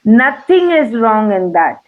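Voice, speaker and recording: A woman's voice: a little high, sing-song, takes it slowly. A woman, co-hosting a webinar and chiming in to agree, with fillers as she talks. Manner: affirming, chimes in with agreement, fillers. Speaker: webinar co-host. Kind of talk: casual conversational talk in a webinar. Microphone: video call. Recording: muffled online call audio.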